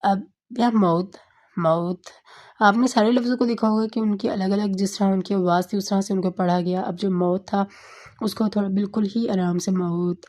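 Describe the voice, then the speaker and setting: A woman tutor teaching tajweed in a patient, explaining manner. Her voice is mellow and dark. She checks in with her listeners often and slows right down when she recites verses. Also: mid-range voice, fairly even intonation. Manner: patient, repeats "theek hai" often.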